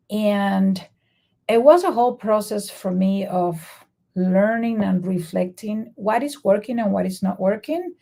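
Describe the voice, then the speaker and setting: Venezuelan-accented woman with a gravelly voice. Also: mid-range voice. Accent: Venezuelan Spanish. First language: Spanish. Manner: earnest, animated storyteller. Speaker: guest educator. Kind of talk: conversational interview storytelling.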